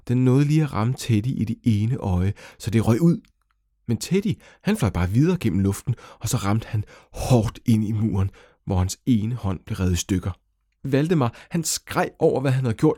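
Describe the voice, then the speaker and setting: A man narrating a children's story in a lively, animated way. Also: dry recording, clean studio sound. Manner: lively, animated storytelling with sudden pitch jumps.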